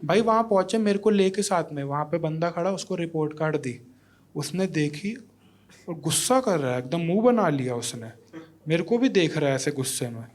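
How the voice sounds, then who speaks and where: A man's voice: fairly high pitch, lively intonation, moderate pace. A man in his thirties performing a stand-up comedy set in a comedy club, teasing the audience and judges and acting out quotes. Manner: acts out quotes in other voices.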